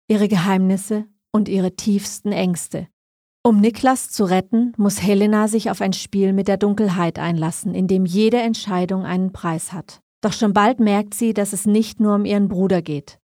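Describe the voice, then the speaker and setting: A woman reading a scripted dark fantasy story as narrator, in a measured, suspenseful way. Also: mid-range voice, no echo, studio quality.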